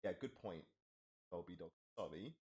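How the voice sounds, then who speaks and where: A rapper and streamer live on webcam eagerly walks through his own lyrics, counting syllables aloud and thanking viewers in chat. His low male voice is animated and mellow at a normal pace, with a breathy edge, and the highs are cut off.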